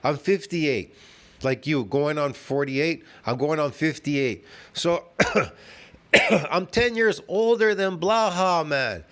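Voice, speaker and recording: A man's voice: a little high, lively intonation, slow pace, fairly bright tone. A man in his fifties ranting in a reaction video from home, scornful and profane, constantly tossing in "man" and "bro.". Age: 50s. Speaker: fitness video host.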